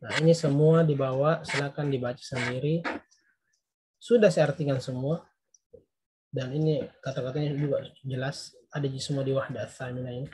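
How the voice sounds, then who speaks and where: A man's voice: mid-range voice, fairly even intonation, normal speed, long pauses. A man giving a recorded Arabic grammar lesson, explaining patiently and translating each word. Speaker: Arabic teacher.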